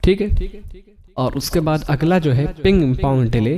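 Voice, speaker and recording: A man's voice: a little high, lively intonation, normal speed, a crowd in the background. A man giving a step-by-step audio app tutorial, explaining each setting plainly and checking in with the listener often. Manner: explanatory, repeats "theek hai" to check in. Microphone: phone microphone.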